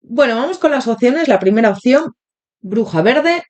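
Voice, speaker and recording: Speaking directly to her viewers, this Spain Spanish-accented tarot reader and channel host runs an interactive reading despite a throat still sore from a cold. Her voice is on the high side, expressive and a little mellow, and her chatty talk is full of filler pauses.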